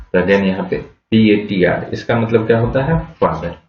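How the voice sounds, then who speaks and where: A man who teaches English vocabulary delivers an animated yet slow, patient lesson in a fairly low voice. He spells words out letter by letter and asks his class questions, then answers them himself, all captured in muffled, lo-fi audio with room echo.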